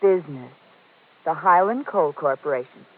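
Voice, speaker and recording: An actress playing an alluring, guarded but lonely young widow in a 1940s radio drama, coy and languid in manner. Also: female voice, deep voice, lively intonation, moderate pace. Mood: relenting. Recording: tinny, hissy old radio recording.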